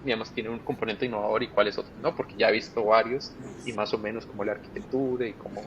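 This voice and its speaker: A man's voice: steady tone, fast talker. Costa Rican man explaining on a call. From Costa Rica. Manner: explains step by step with plain examples. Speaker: guest, project manager. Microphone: video call. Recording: muffled call audio with faint rumble.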